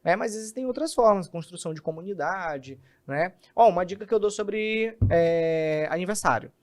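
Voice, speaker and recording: A man, a communication specialist, explaining in an animated podcast interview and acting out examples. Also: high voice. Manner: animated, acts out examples in quoted voices.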